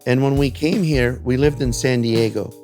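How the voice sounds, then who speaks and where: A man from Syria, a fair food vendor, telling an excited, emphatic story about his creations. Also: medium pitch, moderate pace, over music. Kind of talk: casual storytelling.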